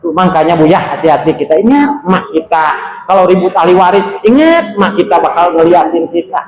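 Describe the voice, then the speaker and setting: Animated high-voiced man preaching. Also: a little fast. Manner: animated, colloquial, rises sharply for emphasis. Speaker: religious teacher. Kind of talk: casual religious study sermon. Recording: echoey room with faint background noise.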